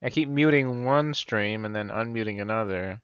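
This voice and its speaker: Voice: mid-range voice, normal speed, a loud crowd. A guest in a casual stream chat, laid-back and easygoing. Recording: smooth but dull lo-fi mic.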